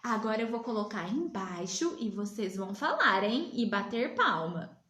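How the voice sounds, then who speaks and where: A woman from Brazil teaching young children, patient and drawing her words out slowly. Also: medium pitch, big pitch swings, a bit bright, roomy sound. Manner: slow, patient, drawn-out words for small children. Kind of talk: remote lesson for young children.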